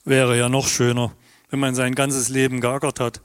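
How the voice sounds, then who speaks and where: An actor playing a bitter retired man who talks in a gruff, blunt way. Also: medium pitch, monotone, moderate pace, lightly acted. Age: older. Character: grumbling retired man, bitter about the state.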